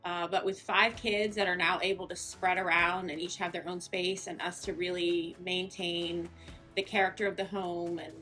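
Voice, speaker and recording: A woman's voice: lowish voice, flat delivery, normal speed, sharp tone, faint music behind. A woman giving casual, conversational answers as a homeowner in an interview.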